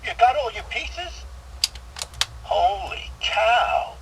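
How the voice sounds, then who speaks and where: A man's voice: high-pitched, sing-song, very slow, heavily acted. A man voicing a grumpy, sarcastic male toy potato man, played through a noisy tinny toy speaker. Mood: grumbling. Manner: sarcastic and gruff.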